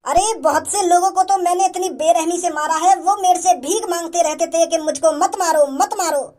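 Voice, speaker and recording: A woman voicing a chuckling rustic village thug. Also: extremely high pitch. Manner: stammering, chuckling, boastful. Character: boastful rustic male village thug, grinning. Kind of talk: cartoon voice acting.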